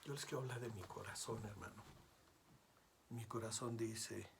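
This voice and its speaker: A man preaching a sermon as pastor, swinging from hushed whispers to loud cries and calling out to his listeners as brothers. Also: fairly low pitch, normal speed, gravelly, noisy background. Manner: repeatedly addresses listeners as brothers.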